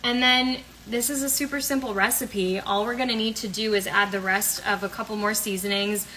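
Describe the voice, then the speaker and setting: In her home kitchen, a young cooking and health coach hosts a laid-back demo, talking in an upbeat, meandering style full of fillers. Her voice is medium-pitched, pushed and bright, with fairly even intonation at a normal speed. Pans and utensils clatter through the noisy recording.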